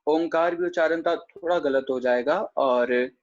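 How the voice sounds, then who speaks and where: A man giving an online lecture on scripture pronunciation, demonstrating sounds slowly syllable by syllable and speaking respectfully to his listeners. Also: a little high. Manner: slow, careful syllable-by-syllable demonstration; addresses the congregation respectfully. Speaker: Gurbani grammar teacher. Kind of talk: online lecture over a video call. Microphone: video call microphone. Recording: dull lo-fi video call audio.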